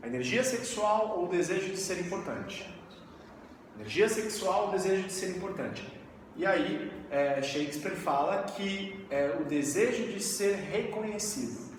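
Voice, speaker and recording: A man in his thirties from Brazil, giving a lively live training talk and asking the audience questions. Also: sits high, a little slow. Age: 30s. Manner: energetic, asks the audience questions. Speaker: network marketing trainer. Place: event room with audience. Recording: echoey hall, mic far off, faint hiss.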